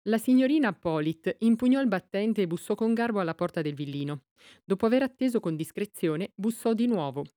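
Smooth low-voiced woman reading a mystery. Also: mellow, no room sound, clean studio sound. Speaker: audiobook narrator. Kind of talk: scripted narration of a mystery novel.

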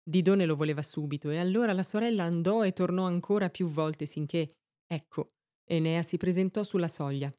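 A woman narrating a story in a measured, expressive reading. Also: on the low side.

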